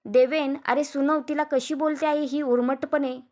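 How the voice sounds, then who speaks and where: A woman's voice: on the high side, unhurried, close to an everyday voice. A woman voicing an older mother-in-law who complains and scolds on her daughter's behalf. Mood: scolding.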